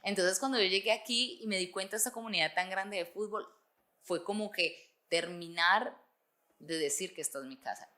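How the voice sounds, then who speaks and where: In a documentary interview, this dance teacher and football fan from Colombia, in her twenties, talks expressively with a Colombian Spanish accent. She has a medium-pitched voice, a bright and forceful tone, and speaks at a normal speed.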